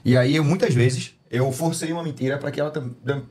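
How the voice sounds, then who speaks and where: A man with a Brazilian Portuguese accent, co-hosting a podcast and telling family stories in a casual, animated way, laughing often and mimicking his daughter. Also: mid-range voice, brisk. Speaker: podcast co-host. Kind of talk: casual chat.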